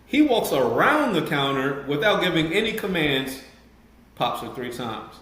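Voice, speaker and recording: A man with a fairly high voice speaks earnestly, with measured emphasis. His voice rings with noticeable room echo. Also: sing-song, a bit bright. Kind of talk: casual podcast discussion. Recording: roomy echo.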